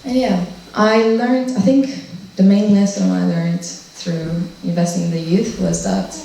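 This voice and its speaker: A woman's voice: mid-range voice, fairly even intonation, measured pace, vocal fry, dark tone. Woman, 20s, from Romania; hesitant testimony talk, very roomy distant sound. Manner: hesitant, many ums and restarts. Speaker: church volunteer giving a testimony. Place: room with a live audience. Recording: very echoey room, from a distance, faint noise.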